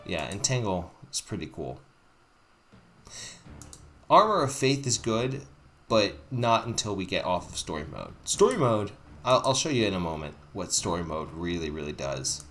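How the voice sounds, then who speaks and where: A man's voice: low-pitched, sing-song, moderate pace, a bit bright. A man hosting a casual game playthrough, thinking aloud in a rambling way over music. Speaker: gaming video host.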